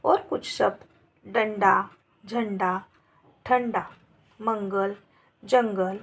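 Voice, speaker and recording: A woman's voice: mid-range voice, steady tone, extremely slow, a little hiss or hum. A woman teaching a grammar lesson, going through examples word by word in a patient, dictating manner.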